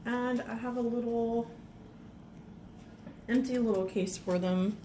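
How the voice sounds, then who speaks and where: Slow-talking woman with a rough cold voice. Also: fairly high pitch, fairly even intonation, mellow, slight background noise. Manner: gushing, chatty, clears throat often. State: has a cold, voice a little rough. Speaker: nail vlogger. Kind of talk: casual unboxing chat. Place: home.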